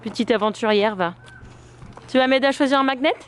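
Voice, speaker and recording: A woman in her thirties with a French accent, chatting excitedly and laughing as she films a family outing. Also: fairly high pitch, brisk. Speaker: vlogger. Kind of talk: casual family vlog. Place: outdoors and in a visitor center. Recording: noisy outdoor camera audio.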